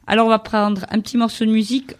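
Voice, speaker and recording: A radio host steers an easygoing conversation about crime novels, lively and chatty. The host often jumps in to complete the other speaker's thoughts. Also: mid-range voice, fast talker. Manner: lively, finishes the guest's sentences. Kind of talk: radio book chat.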